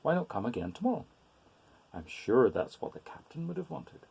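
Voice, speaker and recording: A man's voice: medium pitch, big pitch swings, moderate pace, gravelly, darkish tone, breathy edge, full character voice. A man voicing a thin, genteel lady who commands a make-believe ship, theatrically reading a storybook to a young child. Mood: gracious.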